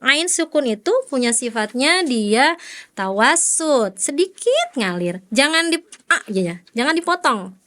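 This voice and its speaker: High-pitched, unhurried woman tutor, gives patient one-on-one recitation feedback. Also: big pitch swings, fairly bright tone. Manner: patient, corrective, models letter sounds slowly and repeatedly. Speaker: Quran recitation teacher.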